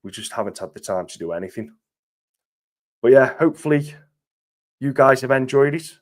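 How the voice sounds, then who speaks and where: A man's voice: medium pitch, expressive, moderate pace. A man hosting a casual live-stream chat, his voice groggy from illness, chatty and matey with frequent laughs.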